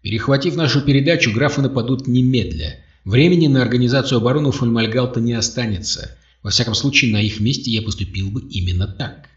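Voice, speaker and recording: A man's voice: mid-range voice, fast, few pauses, natural voice. A man reading an audiobook voices a cunning, sardonic male dictator, sly and mocking in tone. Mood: scheming. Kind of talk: audiobook character voice. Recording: dull roomy audio, distant mic.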